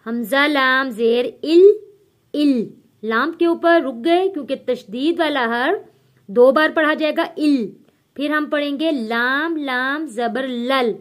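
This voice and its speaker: A woman teaching Quran reading, spelling out Arabic syllables letter by letter, drawing the sounds out slowly and then adding quick explanations. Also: sits high. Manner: slow drawn-out recitation with quick explanations.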